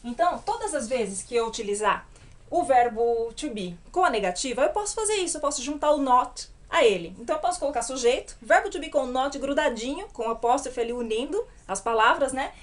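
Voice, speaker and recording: A fairly high-voiced woman with a Brazilian Portuguese accent leads a whiteboard grammar lesson. She talks patiently, keeps checking in with short tag questions, and slows down to spell out each English example. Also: animated. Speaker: English teacher.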